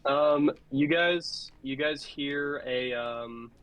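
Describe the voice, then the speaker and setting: A man's voice: a little high, drawn-out words, fairly bright tone, no room sound, poor audio. A man serving as game master, explaining rules and narrating the scene in a laid-back, patient way. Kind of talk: running a tabletop game over voice chat.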